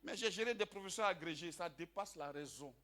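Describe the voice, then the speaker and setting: A man preaching a sermon, swinging between shouted emphasis and quiet storytelling and coming back to a repeated refrain. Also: sits high, expressive, a little fast, echoey room, soft background music.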